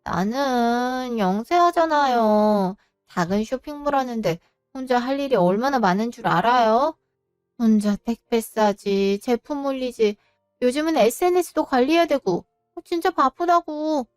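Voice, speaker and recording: A woman's voice: on the high side, lively intonation, unhurried, darkish tone, clear, resonant tone, no room sound, clean studio sound, faint music behind. A woman voicing a petulant, sarcastic young sister-in-law in an audio drama story. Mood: whiny.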